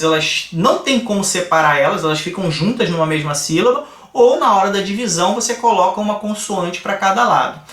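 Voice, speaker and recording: Brazilian guy teaching grammar, kinda high bright voice, echoey room, sits back from the mic. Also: far from the mic. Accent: Brazilian Portuguese. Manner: explains slowly, asks the class rhetorical questions. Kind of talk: recorded grammar lesson.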